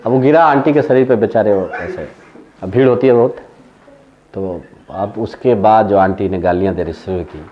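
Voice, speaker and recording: A male economics teacher with an Indian accent and a lowish voice lectures a class at a moderate pace, switching between Hindi and English. He tells anecdotes and laughs at them himself. The audio has its highs cut off.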